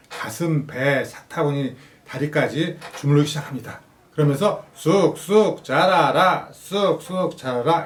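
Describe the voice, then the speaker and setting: Male narrator, instructional parenting talk, somewhat high pitch, echoey room, acts out sound effects. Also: slight background noise.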